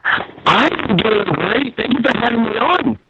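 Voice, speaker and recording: A man's voice: very high voice, animated, unhurried, very noisy. A male radio guest calling in from home over an internet line that keeps breaking up, checking his connection. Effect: internet call line that breaks up. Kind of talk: casual radio chat. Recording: tinny dry internet call line.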